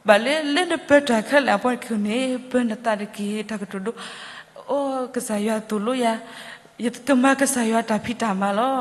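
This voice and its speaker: Woman preaching in a reverberant church. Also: on the high side. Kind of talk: sermon.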